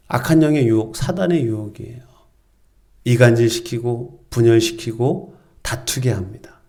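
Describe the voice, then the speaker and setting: A man's voice: medium pitch, darkish tone. A middle-aged male pastor preaching a sermon, telling a story with emphatic, varied delivery.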